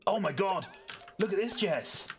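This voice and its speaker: A man talks casually over a co-op game, mixing dry sarcastic jokes into his running commentary. His pitch moves around a lot as he reacts. Game music plays clearly behind him. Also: animated, measured pace. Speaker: gaming video host. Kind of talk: casual co-op gameplay chat.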